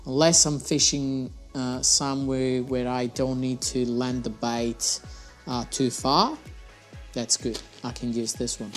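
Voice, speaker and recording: Sitting at a desk in a small room with a lapel mic, a young man reviews his fishing gear for his channel in a casual, chatty way. He speaks slowly at medium pitch with a flat delivery and slightly non-native phrasing, over soft background music.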